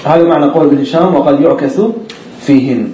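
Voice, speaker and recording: A man with a fairly high, mellow voice talks fast while teaching an Arabic grammar class, explaining step by step, quizzing his students and repeating the key words. The audio is dull and roomy, with slight background noise.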